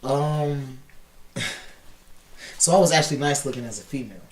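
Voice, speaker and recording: A man in his thirties from Chicago, a podcast guest talking candidly in a relaxed interview. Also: mid-range voice, measured pace, reverberant, slight background noise. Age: 30s. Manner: candid and animated, often says "you know what I'm saying". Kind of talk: casual interview talk.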